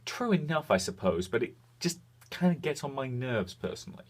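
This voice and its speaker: A man with a mid-range, sing-song voice hosts a video game review. His commentary is frank and semi-scripted, with deliberate pauses for emphasis.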